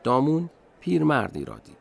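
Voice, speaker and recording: A man narrating a children's radio storybook slowly and expressively. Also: mid-range voice, wildly swooping pitch, creaky.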